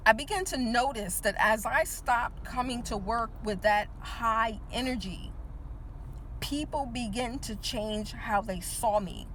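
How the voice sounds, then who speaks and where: A woman in her forties, a teacher and motivational speaker, addresses the viewer in a casual motivational monologue, often asking "right?" and repeating words for emphasis. Her voice is a little high and a bit bright, and the rough recording has slight background noise.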